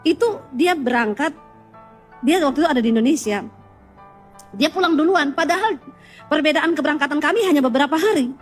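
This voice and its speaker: Woman pastor, sermon, high-pitched, teasing humor, church congregation. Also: brisk, long pauses, soft background music. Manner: lively storytelling with teasing humor, often calls out to the congregation.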